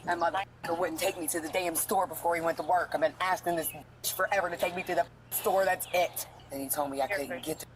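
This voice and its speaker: A woman's voice: fairly low pitch, steady tone, fast. An agitated woman talking to police outside a house, profane and rambling, picked up by a police body camera. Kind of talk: agitated body cam conversation. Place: outdoors at a house. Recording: noisy body cam audio.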